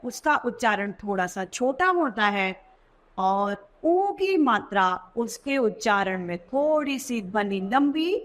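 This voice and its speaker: A woman teaching a children's Hindi lesson, sounding out words slowly and repeating them. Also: mid-range voice, a bit bright.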